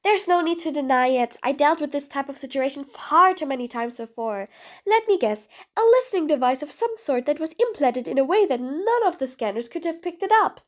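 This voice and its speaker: A woman's voice: high voice, animated, a little fast. A woman playing a sarcastic, bossy supervillain. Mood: exasperated. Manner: sarcastic and bossy, with taunting nicknames. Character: sarcastic, exasperated female supervillain jailer. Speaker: voice actress. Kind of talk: audio role-play drama.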